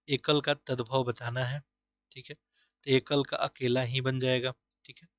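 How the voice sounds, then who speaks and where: In a muffled recording without echo, a man with a medium-pitched voice teaches Hindi in an online exam-prep lesson. He drills material by questioning himself and repeating each answer, and he works English words like "easily", "correct" and "option" into his Hindi.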